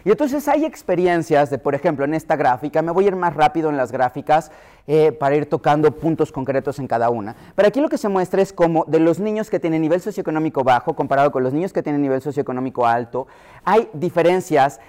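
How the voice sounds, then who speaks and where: A man's voice: fairly high pitch, expressive, quick pace, darkish tone. A middle-aged man with a Mexico City Spanish accent giving an explanatory lecture to pediatricians, often acting out voices he quotes.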